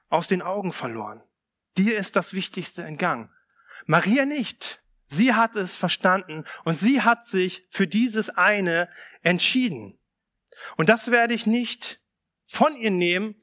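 Slow, bright-voiced German preacher man. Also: high-pitched. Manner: calm, measured preaching with casual asides. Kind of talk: sermon with Bible reading.

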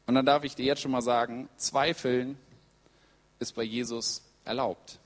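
A man preaching a sermon in a lively storytelling way, acting out the voices of the people he quotes. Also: mid-range voice, measured pace. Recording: long reverb in a hall.

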